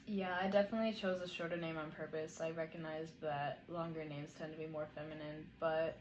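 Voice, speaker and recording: A young adult answering interview questions briefly and plainly, pausing often with ums. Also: mid-range voice, level tone, echoey room, slight background noise, poor audio.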